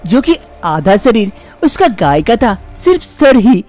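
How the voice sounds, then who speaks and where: A woman narrating a scripted story in an expressive, sing-song way. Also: fairly high pitch, unhurried.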